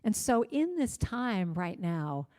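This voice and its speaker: A woman's voice: medium pitch, big pitch swings, takes it slowly, mellow. A woman minister telling stories in a conversational sermon, peppered with "you know" fillers. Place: church livestream. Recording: echoey hall with faint music.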